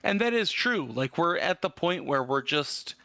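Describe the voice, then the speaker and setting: A man's voice: a little high, expressive, moderate pace, creaky, pushed and bright, no echo. A man from Michigan, a podcast guest, telling a story in a rambling way with lots of fillers and casual swearing. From Michigan, USA.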